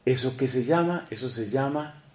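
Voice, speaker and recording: A man preaching a sermon, animated, asking the congregation questions and swinging between loud and hushed delivery. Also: mid-range voice, moderate pace, echoey room. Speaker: priest preaching.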